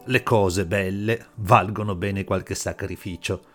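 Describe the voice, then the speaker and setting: A bossy grown shell collector, voiced by a male narrator in a fairly low register. He speaks in short, curt orders in an audiobook story. Soft music sits faintly behind him. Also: fairly even intonation, takes it slowly. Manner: curt, commanding. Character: gruff adult shell collector, commanding. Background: faint background music.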